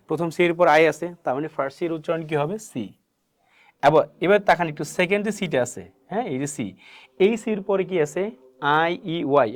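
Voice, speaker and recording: Man teaching, answering his own questions. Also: fairly high pitch. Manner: asks questions and answers them himself, repeats key words. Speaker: English teacher. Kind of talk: spoken classroom lesson.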